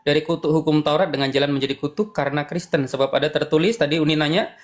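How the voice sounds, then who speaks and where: A man with an Indonesian accent, a panelist on a debate call, speaking in a calm, measured way. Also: a little high. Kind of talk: casual debate talk on a call.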